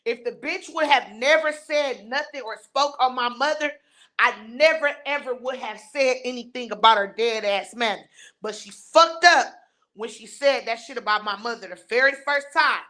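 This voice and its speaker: A woman's voice: on the high side, normal speed, bright, forceful tone. A woman hosting a live stream, ranting bluntly and scornfully while reading and answering her viewers' chat. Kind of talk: heated live-stream rant.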